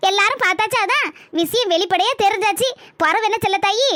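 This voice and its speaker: A woman voicing a nosy village gossip who pries and hints in a drawn-out, insinuating way in a cartoon comedy. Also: very high-pitched, a bit bright, dry recording, clean studio sound. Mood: prying.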